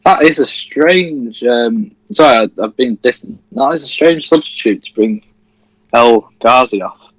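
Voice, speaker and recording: A man's voice: medium pitch, unhurried, a bit bright, slightly rough, dry recording, rough recording. An eighteen-year-old man from Leeds co-hosts a football watchalong stream in an easygoing, jokey way. His voice is recorded dry and close, with no room sound. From Leeds, England. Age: teens. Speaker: livestream co-host. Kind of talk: casual football watchalong chat.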